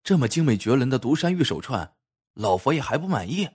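A man voicing an anxious older official in an old Chinese folk tale, speaking lower than his narrating voice, pleading and then demanding. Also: very animated, brisk, darkish tone, husky.

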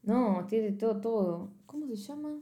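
A woman with a Rioplatense Spanish accent, co-hosting a podcast and retelling a film scene in teasing, animated chat. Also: on the high side, normal speed. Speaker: podcast co-host. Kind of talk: casual chat.

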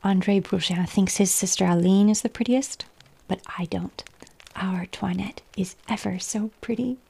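A woman's voice: medium pitch, steady tone, moderate pace, gravelly, warm tone, husky. A woman voicing an eager little boy who admires his sister, in a whispered role-play.

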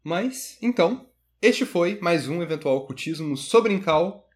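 A man's voice: fairly high pitch, expressive, measured pace. A man with a Brazilian Portuguese accent hosting a podcast in a casual, conversational way. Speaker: podcast host. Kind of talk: casual podcast presenting and chat.

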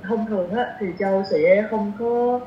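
The podcast guest, a twentysomething young doctor with a southern Vietnamese accent, keeps a mid-range voice at a moderate pace. Her casual chat is hesitant, like she's thinking aloud. Light noise, a roomy echo and a dull sound color the recording.

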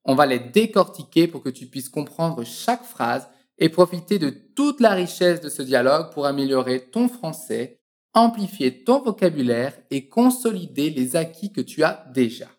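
A woman teaching a French lesson, encouraging the listener and drilling phrases slowly and precisely for them to repeat. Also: low voice, sing-song, a little mellow.

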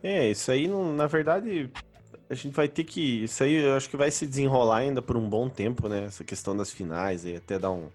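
A man's voice: mid-range voice, expressive, fairly quick, darkish tone. A man with a Brazilian accent in a casual sports chat, informal, slangy and opinionated. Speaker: sports podcast panelist. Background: background music.

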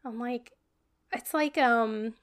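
A woman with a slightly high voice chats loosely as a podcast co-host. She rambles, stalls on words with frequent ums and trails into laughter. Her delivery is relaxed and unscripted. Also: slow pace, clean tone. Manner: laughs often. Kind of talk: casual sibling chat.

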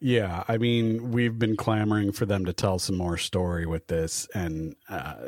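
A man's voice: low-pitched, darkish tone, dry recording. A man co-hosting a podcast, chatting casually about wrestling, laughing often and acting out what others said. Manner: laughs often, acts out quotes. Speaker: podcast co-host.

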